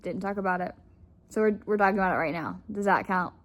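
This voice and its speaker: Young woman vlogger, chatty and animated, mid pitch. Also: fast. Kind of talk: casual vlog talk.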